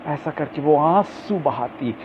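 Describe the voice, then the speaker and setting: A man's voice: on the high side, lively intonation. Impassioned male pastor on a tinny line. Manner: impassioned preaching, sings a slow refrain. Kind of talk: sermon. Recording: tinny phone-like sound with faint hiss.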